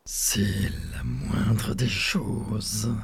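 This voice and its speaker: Man putting on a towering fairy-tale spirit, menacing, slow and loud, gravelly. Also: steady tone, slight background noise, heavily acted. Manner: slow, booming, drawn-out threats. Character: huge menacing male bottle spirit.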